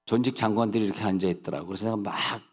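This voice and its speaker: A man's voice: on the low side, steady tone, racing. A male senior pastor preaching a sermon in a church sanctuary, telling humorous stories and checking in with the congregation. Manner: folksy storytelling, humorous asides, rhetorical check-ins. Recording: long hall reverb.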